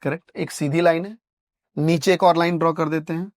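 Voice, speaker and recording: A man's voice: a little high, steady tone, brisk, no room sound. A man. He keeps firing rhetorical questions and answering them himself. The recording is dry and close, with no room sound. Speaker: trading teacher. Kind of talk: chart lesson screen narration.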